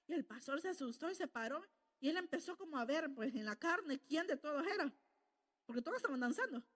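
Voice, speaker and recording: A woman's voice: high voice, in a large hall. A woman preaching a sermon, telling stories and asking the congregation questions she answers herself. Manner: storytelling, asks the congregation questions and answers them.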